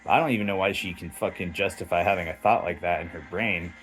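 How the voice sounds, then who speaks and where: A man's voice: low-pitched, quick pace, fairly bright tone, faint music behind, rough recording. A man delivering a heated, rambling, profanity-filled monologue straight to camera as a vlogger.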